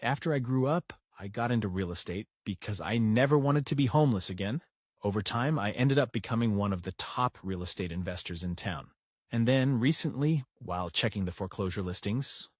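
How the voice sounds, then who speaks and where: A sincere, husky-voiced grateful benefactor. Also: male voice, fairly low pitch, dry recording, clean studio sound. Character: grateful, self-made real estate investor, earnest and kind. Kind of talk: scripted drama monologue.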